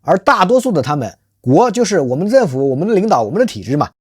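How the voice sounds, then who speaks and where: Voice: medium pitch, sing-song, fast talker, darkish tone, husky, no room sound, studio quality. A channel host delivering a scripted social commentary monologue, rhetorical and emphatic, often posing questions to listeners. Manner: calls self by nickname in third person.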